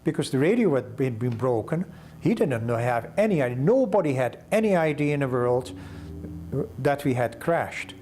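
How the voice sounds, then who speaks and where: A man's voice: medium pitch, big pitch swings, normal speed, mellow. An older man recounting an adventure in a documentary interview, telling it vividly and acting out the dialogue.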